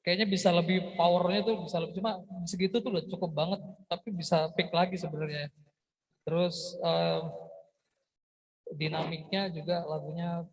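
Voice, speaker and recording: A man judging a singing contest, giving relaxed, conversational feedback with some hesitant fillers. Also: fairly high pitch, rough recording. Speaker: singing competition judge. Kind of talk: casual spoken feedback.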